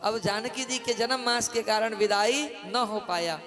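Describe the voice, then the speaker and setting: A man telling a devotional story sermon at a live village gathering on a mic, animated, sometimes breaking into folk song. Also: high voice, a little slow. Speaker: kathavachak, religious storyteller. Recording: live katha with music behind.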